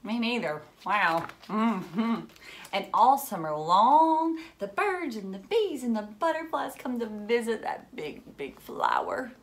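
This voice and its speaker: A woman in her thirties reads a picture book to young children indoors in a furnished room at home, her voice a little high and her pace slow. She reads expressively and animatedly, with dramatic gasps, hushed moments, little asides, and simple questions for the kids.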